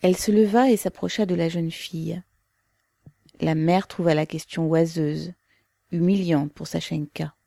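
A woman narrating a novel aloud in a measured, even storytelling manner. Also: sits low, gravelly, no room sound, clean studio sound. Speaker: audiobook reader. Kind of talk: scripted literary narration.

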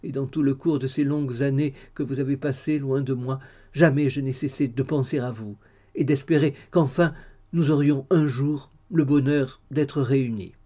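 A man's voice: mid-range voice, fairly even intonation, moderate pace, warm tone, lightly acted. A man reading the lines of a tearful, ardent young woman in an audiobook, with fervent, sobbing pleas. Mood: tearful, pleading.

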